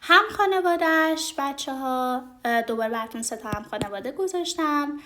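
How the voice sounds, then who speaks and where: A woman teaching a vocabulary lesson, talking straight to her learners, patiently repeating and slowly modeling each pronunciation with frequent hesitation sounds. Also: high voice, animated, bright, forceful tone. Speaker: German language teacher.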